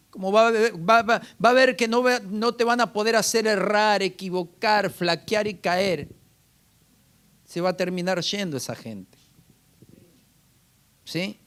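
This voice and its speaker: A man's voice: high-pitched, a little slow, long pauses, fairly bright tone, clear, resonant tone. A man preaching a sermon as pastor, often calling out to the congregation with rhetorical questions.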